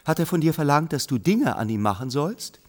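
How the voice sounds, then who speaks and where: A man's voice: a little high, big pitch swings, a little fast. A man voicing a nosy, prim lady in a storybook reading, asking prying questions.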